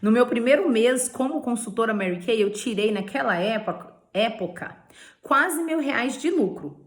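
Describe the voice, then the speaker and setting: A woman's voice: fairly high pitch, expressive, normal speed. A Brazilian woman telling her sales career story in a playful way, laughing often and tagging lines with "né?". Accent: Brazilian Portuguese. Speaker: beauty sales director. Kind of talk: personal testimony vlog.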